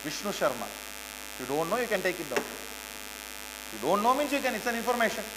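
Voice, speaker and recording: A man's voice: high voice, very animated, fairly quick, long reverb tail, noisy background. A man with an Indian English accent giving a motivational classroom lecture, asking rhetorical questions and repeating key phrases for emphasis. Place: lecture hall.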